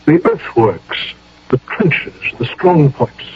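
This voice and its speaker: An actor playing a stern, commanding American general in a radio drama, speaking with formal authority and a husky voice. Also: male voice, medium pitch, very animated, slow, full character voice. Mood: probing. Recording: dull old radio broadcast recording.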